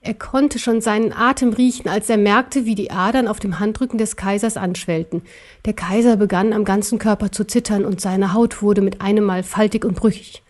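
Woman reading a spooky story aloud, lots of drama in it, even pitch overall. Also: moderate pace. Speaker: narrator.

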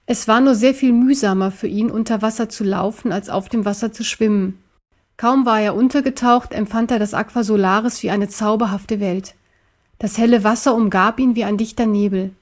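Woman calmly reading a children's story. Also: mid-range voice, normal speed. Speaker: story narrator.

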